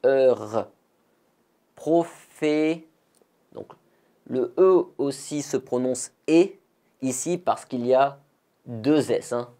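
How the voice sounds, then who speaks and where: A man from France teaching a beginner French lesson, slowly and carefully repeating model phrases for learners. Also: medium pitch, dark tone.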